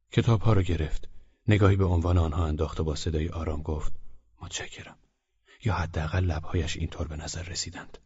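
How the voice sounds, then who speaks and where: A man narrating a story audiobook in a calm, measured reading. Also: low-pitched, breathy edge, muffled recording.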